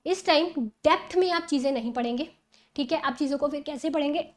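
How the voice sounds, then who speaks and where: A woman's voice: high-pitched, fairly quick. A woman educator giving conversational exam-prep advice, often checking in with her listeners. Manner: coaching, repeats "theek hai?" checks. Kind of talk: conversational teaching talk.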